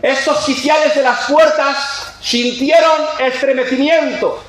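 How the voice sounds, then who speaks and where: A man preaching a sermon with passion, swinging between shouted lines and low, intense ones and repeating key phrases. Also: steady tone, unhurried. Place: church sanctuary. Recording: very echoey church hall.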